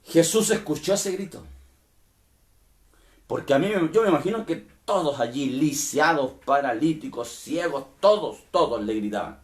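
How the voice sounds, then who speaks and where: Fervent male pastor preaching, fairly high voice. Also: animated, normal speed. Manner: addresses listeners directly with questions. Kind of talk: sermon.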